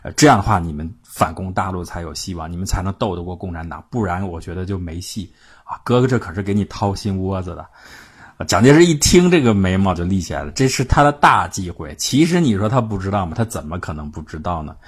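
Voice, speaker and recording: Male storyteller, casual spoken history, chatty and colloquial, low pitch, husky tone. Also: animated, fast talker. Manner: chatty, colloquial, frequent "ah" fillers.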